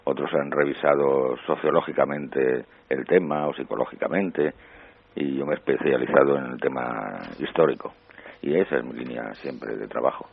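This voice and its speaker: A man explaining his research as a radio guest over the phone, in a measured, explanatory way. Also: rumbling low, fairly even intonation, vocal fry, slightly rough, narrow, tinny audio.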